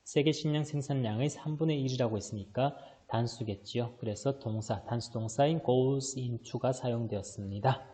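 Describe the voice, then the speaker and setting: A male high school English teacher giving a recorded online lesson, explaining step by step and answering his own questions. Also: normal speed, few pauses, warm tone, long reverb tail. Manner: mixes English readings into Korean explanation.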